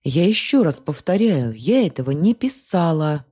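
A woman's voice: deep voice, very animated, moderate pace, dark tone, slightly rough, exaggerated voice. A woman voicing a young woman who protests she is not to blame in an audiobook story. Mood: pleading. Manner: pleading, defensive.

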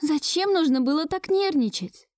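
A woman's voice: high-pitched, expressive, moderate pace, a little mellow, no echo, studio quality, pitched above the performer's own voice. A woman doing a fussing, fretful young woman. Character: caring, fussy young woman, the hero's partner.

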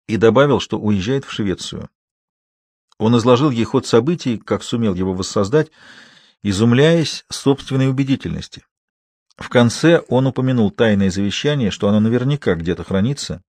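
A male narrator reads a thriller audiobook in a calm, steady voice. His pitch sits in an ordinary middle range. The studio sound is dry and close, with no room echo.

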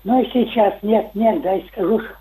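Older male caller on a roomy phone line, mellow dark voice, stiff formal phrasing. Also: high-pitched, fairly quick. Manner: formal, wordy, technical phrasing. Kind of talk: radio call-in comment. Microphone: telephone.

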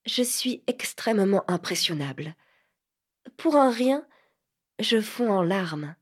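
A woman's voice: mid-range voice, lively intonation, takes it slowly, husky. A poised, aloof lady talks with a grave, teasing irony and never hurries, as a woman reads her in an audiobook. She sounds cool and amused at once. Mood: mocking. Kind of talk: audiobook character reading.

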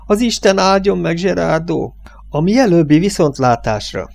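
A man's voice: fairly high pitch, creaky, darkish tone, voice pushed up. A man reading an audiobook voices a desperate young woman begging her departing lover. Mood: calling out. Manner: imploring, urgent.

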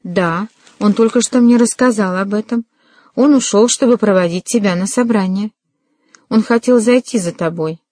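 A woman's voice: mid-range voice, animated, unhurried, mellow, husky, no room sound. A woman voicing a timid, frightened middle-aged mother in an audiobook reading. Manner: timid, plaintive.

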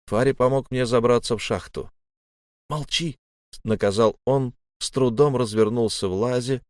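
A man narrating a first-person audiobook in a steady, measured way. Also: lowish voice, no echo, clean studio sound.

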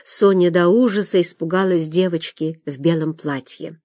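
A woman's voice: lowish voice, steady tone, normal speed, mellow, no room sound, clean studio sound. Woman narrating a first-person audiobook.

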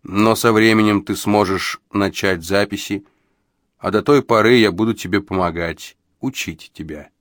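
A man reading an audiobook, voicing a grave older master of a secret trade who speaks with measured, weighty deliberation. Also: lowish voice, a bit bright, no room sound, studio quality, close to an everyday voice.

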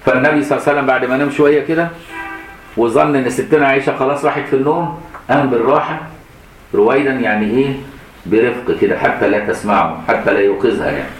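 A middle-aged religious teacher with an Egyptian Arabic accent talks through a hadith in a relaxed, conversational way, asking his listeners rhetorical questions. His voice sits in a middle pitch. The recording carries a noticeable room echo. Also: very fast. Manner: colloquial explaining with rhetorical questions and laughter. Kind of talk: hadith commentary lesson. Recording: echoey room.

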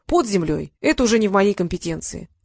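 A woman's voice: mid-range voice, big pitch swings, quick pace, creaky, husky, no room sound, studio quality, heavily acted. A woman reading the part of a haughty, threatening male sphinx in an audiobook. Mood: smug. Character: knowing, prickly male sphinx monster.

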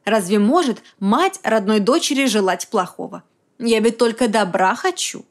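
A woman's voice: a little high, moderate pace, lightly acted. A woman reading an audiobook, voicing a tired middle-aged mother who complains with self-pity. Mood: aggrieved. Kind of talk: audiobook character voice.

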